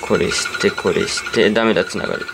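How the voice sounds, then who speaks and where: A man's voice: fairly low pitch, fairly even intonation, a little fast. A man giving easygoing game commentary, rambling and talking to himself as he plays. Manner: rambling, easygoing, talks to himself while playing. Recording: clear background music under voice. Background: background music.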